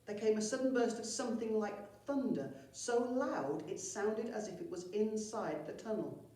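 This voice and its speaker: At a moderate pace and medium pitch, a mellow-voiced woman gives an expressive reading of a children's story for a primary school. The room is very echoey and she sits far from the microphone.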